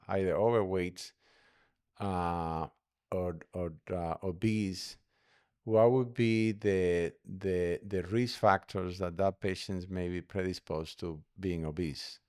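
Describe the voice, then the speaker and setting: A man's voice: low-pitched, a little mellow, clear, resonant tone, no room sound, studio quality. A man hosting a medical podcast as a doctor, speaking hesitantly with many uh fillers. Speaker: podcast host, physician. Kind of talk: podcast interview.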